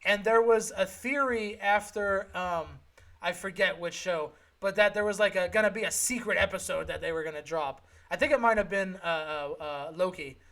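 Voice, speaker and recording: A man's voice: sits high, normal speed, fairly bright tone. A young man co-hosting a casual podcast chat, joking and rambling, often correcting himself mid-sentence. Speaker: podcast co-host.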